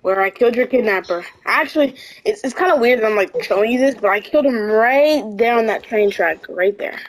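A woman's voice: a little high, animated, a little fast, poor audio. Chatty woman roleplaying a western outlaw. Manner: casual, chatty, many fillers. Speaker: roleplayer playing an outlaw parent. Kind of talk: in-character game roleplay chat.

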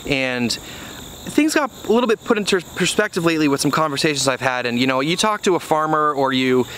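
A farmer vlogger in his thirties talks casually to the camera outdoors on a small farm field, earnest and conversational, with plenty of "you know." His voice is fairly high, a bit bright, a little fast, and lively in intonation. The low-quality recording, from a camera mic at arm's length and later on a tripod, carries some hiss or hum and faint field ambience.

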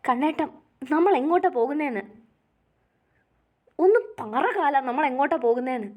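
A woman's voice: a little high, lively intonation, normal speed, warm tone. A woman reading as a distraught young bride-to-be. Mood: urgent. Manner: pleading, distraught. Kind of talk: storybook narration.

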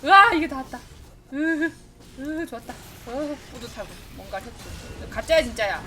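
A woman's voice: high voice, moderate pace. A woman streaming a game live, reacting to the match as she plays, with yelps and bursts of laughter. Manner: excitable, talks to herself, yelps and laughs. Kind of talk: live gameplay commentary.

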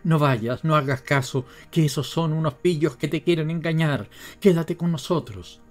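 A man with a Latin American Spanish accent voicing a furious, grieving miserly father who shouts and rails bitterly in an audiobook. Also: a little high, moderate pace, soft background music, close to an everyday voice. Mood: desperate.

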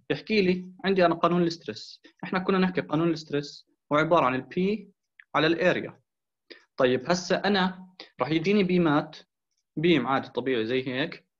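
A man with a Levantine Arabic accent gives a recorded engineering video lecture, explaining step by step, asking rhetorical questions and mixing in English technical terms. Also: fairly high pitch. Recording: dull lo-fi recording.

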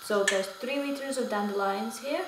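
A woman's voice: a little high, moderate pace, noisy background. Chatty young woman in an echoey kitchen. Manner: chatty, self-correcting, talks while working. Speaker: homestead vlogger. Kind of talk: casual home vlog. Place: home kitchen, indoors. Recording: echoey kitchen with dish clatter.

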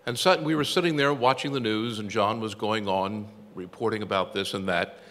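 Older male speaker at a tribute, wry anecdotal storyteller, forceful lowish voice, reverberant hall sound. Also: normal speed. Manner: storytelling, self-deprecating humor. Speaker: tribute speaker, former newsroom copy boy. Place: event hall. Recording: echoey hall with long reverb.

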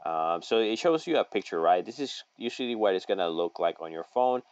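A man's voice: low voice, lively intonation, clean tone, no room sound. A middle-aged man giving a screen-share tutorial from a home office, reading an article aloud and adding his own comments, with lots of fillers and restarts. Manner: halting, many fillers and restarts, folksy asides. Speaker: local online marketing consultant. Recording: dry, slightly dull audio.

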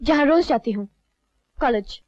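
A proud young college woman who answers back with sharp contempt in a very high voice. The old film soundtrack is dull, with music in the background. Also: animated, normal speed, dry recording. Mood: defiant. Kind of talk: 1980s film melodrama.

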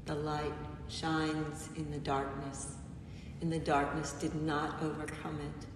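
A woman pastor giving a gentle, reflective sermon with frequent pauses, recorded in a church sanctuary from a distant mic. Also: low-pitched, flat delivery, background noise. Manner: gentle, reflective, pausing often. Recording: echoey church, mic far off.

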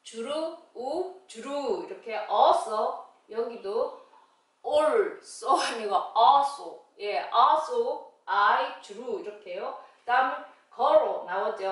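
A woman teaching English phonics, sounding out words slowly, syllable by syllable. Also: fairly high pitch, a bit bright, distant mic. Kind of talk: slow instructional phonics lesson. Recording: very echoey room, voice a bit off-mic.

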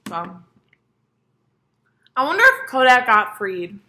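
A young woman talks straight to camera at home in a loose, rambling mukbang chat, with a vivid, sharp-edged tone. She swears freely and leans hard on filler words, drifting from topic to topic. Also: a little high, big pitch swings, takes it slowly. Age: young adult. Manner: rambling, profane, frequent "like". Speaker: vlogger.

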